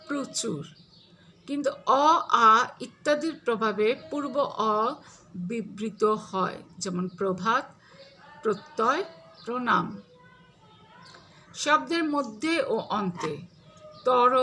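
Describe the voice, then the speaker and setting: A woman teaching a grammar lesson at a very slow, deliberate pace. Her voice is bright and sits a little high, and she steps through each example word by word. Faint noise hums underneath.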